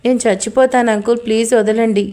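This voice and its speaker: A woman's voice: a little high, steady tone, fast talker, dark tone, natural voice. A woman voicing a drunk, heartbroken young woman in a spoken love story, pleading tearfully.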